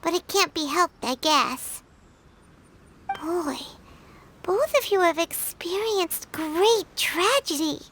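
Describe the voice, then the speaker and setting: A woman voicing a tiny, candid, childlike fairy companion in a video game, squeaky and expressive. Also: takes it slowly, slight background noise, exaggerated voice. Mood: thoughtful, sympathetic.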